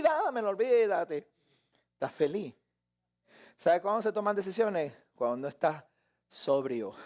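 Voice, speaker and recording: Brief: high-pitched male preacher, lively teaching delivery, acts out scenes, quick to joke. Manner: animated, acts out voices and shouts; jokes and laughs with listeners. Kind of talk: live Bible teaching.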